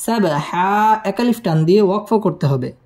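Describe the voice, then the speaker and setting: A woman teaching Quran recitation, spelling out each word syllable by syllable and then slowly chanting the verse. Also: mid-range voice, lively intonation, mellow. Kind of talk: slow spelling-out tajweed lesson.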